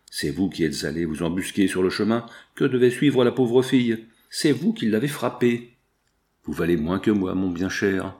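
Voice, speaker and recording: A man's voice: medium pitch, a little mellow, close to an everyday voice. A man voicing a delirious young woman thief who shrills her accusations in an audiobook reading.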